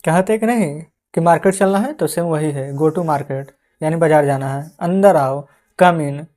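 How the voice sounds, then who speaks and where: A man teaching English as an online tutor, who spells out words letter by letter, calls his listeners friends again and again and slows down while dictating answers. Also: fairly high pitch, a little mellow. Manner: calls listeners "friends" in nearly every line.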